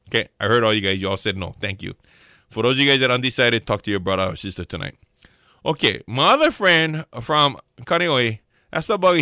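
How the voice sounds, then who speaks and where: A man preaching with a thick Hawaiian Pidgin accent, his bright, fairly high voice swinging up and down as he tells a homespun story. He keeps turning to his listeners with questions. The sound is close and dry. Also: dry recording. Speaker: pastor. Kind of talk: storytelling sermon to a listening audience.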